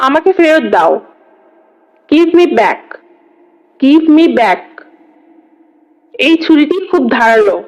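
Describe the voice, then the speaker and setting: Slow, lively woman reading drills. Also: high voice. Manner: says each phrase in Bengali, then repeats the English twice, slowly. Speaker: English teacher. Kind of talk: reading phrase drills aloud. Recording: dull lo-fi sound.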